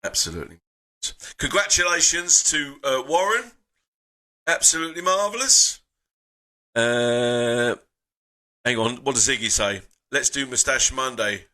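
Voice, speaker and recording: Bright-voiced man hosting a live stream. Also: mid-range voice, animated, measured pace, pauses often. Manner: chatty, with frequent fillers and sighs. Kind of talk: casual live-stream chat reading viewer comments.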